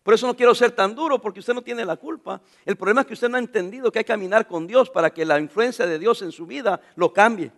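A middle-aged man preaching a sermon, calling out to the congregation and reading scripture aloud with them. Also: high voice. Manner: animated preaching, calls out to the congregation; reads scripture slowly with the congregation. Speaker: pastor.

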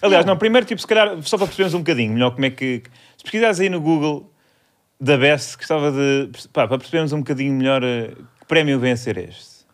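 A man's voice: a little high, lively intonation, fast. A man with a European Portuguese accent hosting a casual podcast chat, steering the talk with many fillers and restarts.

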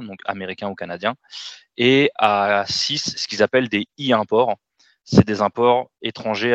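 A man's voice: on the low side, dry recording, lo-fi sound. A man co-hosting a casual sports podcast, hedging cautiously and using fillers. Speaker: podcast co-host.

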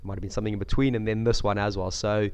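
A man croaky from a cold, chatting casually about sport as a podcast co-host. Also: on the low side, little pitch movement, racing, darkish tone. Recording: dull lo-fi audio.

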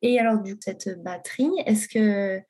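A woman's voice: mid-range voice, normal speed, a little mellow, husky. A woman hosting a podcast, asking friendly questions with hesitant restarts. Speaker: podcast host. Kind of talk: podcast interview.

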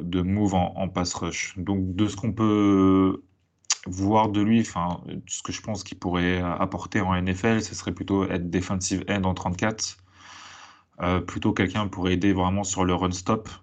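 A man giving casual scouting commentary as an analyst, halting and correcting himself, with English sports terms mixed in. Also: low voice.

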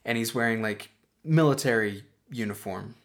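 A man's voice: lowish voice, moderate pace. A man narrating a tabletop role-playing game as game master, describing scenes with many fillers and restarts.

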